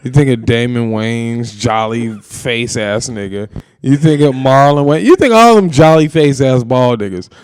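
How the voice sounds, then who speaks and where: A young man co-hosting a podcast, telling loud, animated stories in casual banter and swearing freely. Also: medium pitch, a little slow. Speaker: podcast co-host.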